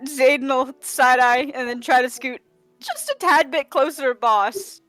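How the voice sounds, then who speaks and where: A woman's voice: high voice, expressive, measured pace, fairly bright tone, dry recording, soft background music. A woman chatting casually as a player in a tabletop game.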